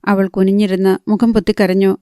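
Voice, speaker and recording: A woman narrating a novel in a calm, even storytelling manner. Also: medium pitch, brisk, smooth, no echo, clean studio sound. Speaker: audiobook narrator.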